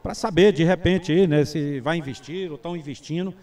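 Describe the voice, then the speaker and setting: A Brazilian man comments on a live football match in a high voice. He talks like a radio reporter, chatting between plays, and is picked up from a little way off the microphone. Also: a little fast, mellow, recorded from a distance.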